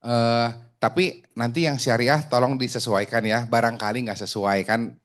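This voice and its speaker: Joking insurance sales trainer. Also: male voice, medium pitch, steady tone, moderate pace. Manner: joking, chatty, asks the room questions. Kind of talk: casual training talk to a group.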